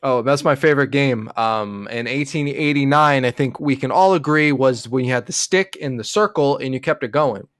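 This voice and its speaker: A man co-hosts a comedy podcast, delivering absurd jokes in a flat, mock-serious way. His voice is mid-pitched. It is recorded dry and close, with music faintly playing underneath. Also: normal speed, hardly any pauses, dry recording. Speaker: podcast co-host. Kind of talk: casual comedic chat.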